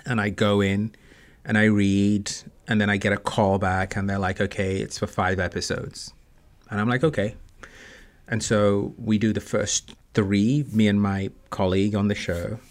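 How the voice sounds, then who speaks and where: A man's voice: fairly low pitch, normal speed. A man with a Nigerian accent, an actor talking in a casual interview and telling his story with acted-out dialogue. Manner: animated storyteller, acts out quoted dialogue. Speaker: actor and guest.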